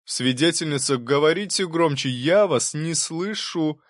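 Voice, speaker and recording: A man's voice: fairly high pitch, unhurried, dry recording, clean studio sound, voice pushed up, close to an everyday voice. A man reading an audiobook, voicing a persistent assistant prosecutor who cross-examines with pointed questions.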